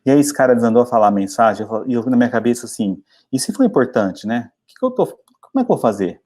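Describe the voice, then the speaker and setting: Brazilian guy teaching english, storytelling vibe, mellow relaxed voice, animated. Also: fast. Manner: chatty, animated storytelling with lively pitch jumps.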